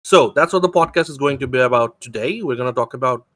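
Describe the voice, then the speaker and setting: A man's voice: medium pitch, quick pace, a bit bright, no room sound. Laid-back young man hosting a podcast. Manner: rambling, self-correcting, laughs often. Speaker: podcast host and moderator. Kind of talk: casual podcast chat.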